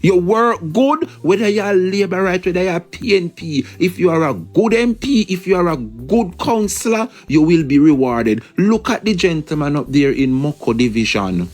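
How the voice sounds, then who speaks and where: An emphatic Jamaican man talks through politics in a loose, repetitive way, sliding in and out of patois. His voice sits a little high for a man. Faint music plays under him. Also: animated, moderate pace, few pauses, darkish tone. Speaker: political commentator. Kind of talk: casual political commentary.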